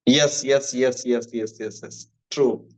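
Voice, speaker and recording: A man's voice: mid-range voice, steady tone, a little slow. A man giving a live online parenting lecture. He asks the audience rhetorical questions, repeats key phrases and mixes in English terms. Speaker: parenting trainer.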